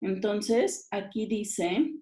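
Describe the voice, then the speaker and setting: A woman's voice: medium pitch, expressive, very slow, dark tone. A woman teacher patiently explains exam answers and often checks that her listeners follow. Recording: roomy echo.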